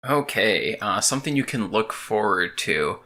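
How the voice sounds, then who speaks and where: Hesitant low-voiced podcast guest man. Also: expressive, normal speed, sharp tone. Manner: hesitant, filler-heavy, thoughtful. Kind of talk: casual chat.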